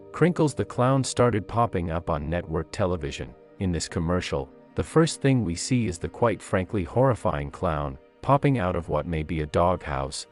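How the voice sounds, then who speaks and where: A man reading scripted countdown narration in a documentary style. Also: low voice. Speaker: video narrator. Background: faint-to-clear background music.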